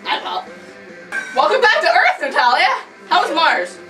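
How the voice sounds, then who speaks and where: A vlogger chats casually on camera with a friend at home, giggling, teasing and cracking crude jokes. Her high, sharp voice swings hugely in pitch at a normal speed, and the webcam audio sounds roomy and distant with music behind.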